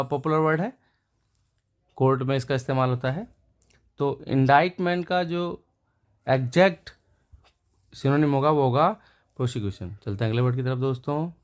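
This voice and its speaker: A man teaching English vocabulary, repeating each word before giving its meaning and synonyms. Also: fairly high pitch. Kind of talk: explaining words and synonyms to viewers.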